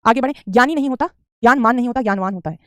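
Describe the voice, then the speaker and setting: Female tutor: quick, drilling delivery, keeps repeating answers, very dry recording. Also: high voice, lively intonation, dry recording. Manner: answers student questions, says "beta" often; repeats correct spellings for drill. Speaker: Hindi teacher. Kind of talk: online exam-prep class.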